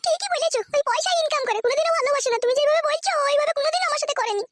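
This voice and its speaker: A woman's voice: very high-pitched, very fast, a little hiss or hum. A young woman voicing a demanding, shameless young wife from a village in a cartoon, whining and complaining. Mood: coy. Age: young adult. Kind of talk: cartoon voice acting.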